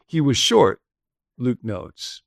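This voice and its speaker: A man's voice: mid-range voice, very animated, takes it slowly, creaky, no room sound, clean studio sound. A man teaching a sermon-style video lesson, conversational and explanatory, reading scripture with casual asides. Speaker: pastor.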